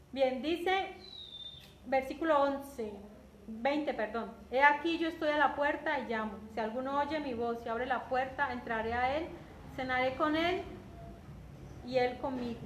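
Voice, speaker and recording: Predicadora con acento colombiano, habla cercana y repetitiva, ruido de fondo leve, reverberación de sala. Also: female voice, high voice. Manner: conversational, repeats words, often asks "¿cierto?". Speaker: preacher. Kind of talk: sermon. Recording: echoey room with faint background noise.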